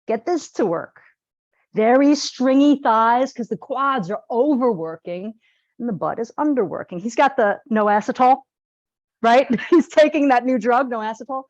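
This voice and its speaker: A woman teaching a live group exercise class in a lively, chatty, joking and direct way. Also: a little high, moderate pace, no room sound, dull audio. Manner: direct, plain-spoken coaching. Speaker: posture exercise instructor.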